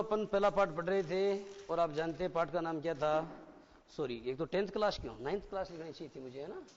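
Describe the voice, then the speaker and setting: A man's voice: a little high, a little hiss or hum. A male English teacher with an Indian accent giving a classroom lecture, explaining step by step and often quizzing the students. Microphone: satellite broadcast studio. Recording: dull, lo-fi broadcast with long hall reverb.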